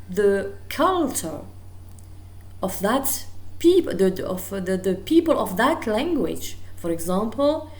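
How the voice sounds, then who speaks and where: Speaking with a fairly high pitch and darkish tone, a native Arabic speaker with an Algerian accent delivers a recorded university lecture in English. She comes across as hesitant, restarting often and using many fillers, and the room is echoey.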